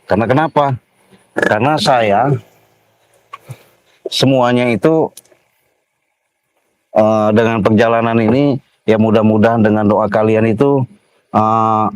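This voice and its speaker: A middle-aged man narrating a livestream in a slow, repetitive manner. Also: on the low side, no room sound. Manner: slow, repetitive, tags sentences with "ya". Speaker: vlogger livestreaming.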